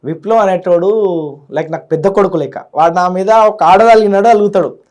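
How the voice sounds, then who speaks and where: A man's voice: high-pitched, fairly quick, darkish tone. A young man speaks. As the guest of an interview, he talks with heartfelt feeling and often repeats his words. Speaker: student leader guest. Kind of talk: emotional interview.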